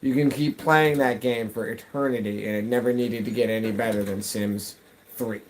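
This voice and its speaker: A man's voice: on the low side, fairly even intonation, moderate pace, a little mellow, slight background noise. A man in his thirties chatting casually while gaming on a live stream, answering chat and muttering to himself as he plays, from his home basement.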